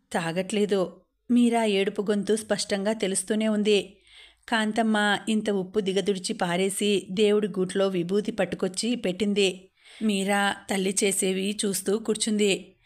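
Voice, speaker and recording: A woman narrating a novel as an audiobook in steady, measured scripted reading. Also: medium pitch.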